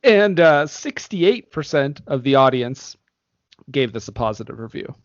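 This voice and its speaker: A man's voice: medium pitch, sing-song, unhurried, dry recording, dull audio. A man co-hosting a casual movie podcast, reading critics' reviews aloud and laughing often. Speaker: podcast co-host.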